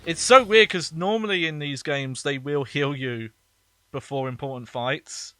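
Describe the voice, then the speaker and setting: Bright-voiced man doing casual game commentary. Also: on the high side, measured pace, no echo, faint music behind. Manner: rambling, amused, thinking aloud. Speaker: gaming video host.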